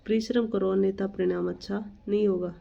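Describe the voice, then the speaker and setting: A woman's voice: medium pitch, steady tone, a little fast, creaky. A woman teaching an exam-prep grammar lesson, reading out definitions and examples and explaining them plainly. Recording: dull lo-fi recording with faint ambience.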